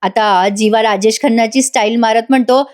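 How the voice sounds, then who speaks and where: A woman's voice: fairly high pitch, moderate pace, darkish tone. A woman giving a chatty, playful voice-over recap of a television serial, talking to her viewers and laughing often. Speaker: serial reviewer.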